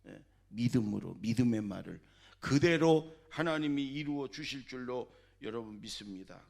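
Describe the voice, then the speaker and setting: A middle-aged man preaching a sermon as pastor, animated, dropping to soft asides and rising to loud exclamations. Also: mid-range voice, moderate pace, vocal fry.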